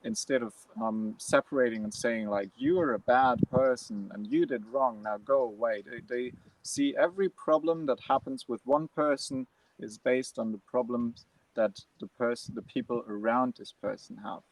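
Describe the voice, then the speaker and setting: A man explaining an idea in a casual podcast discussion, with hesitant pauses and restarts. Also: mid-range voice. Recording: dry, distant from the mic.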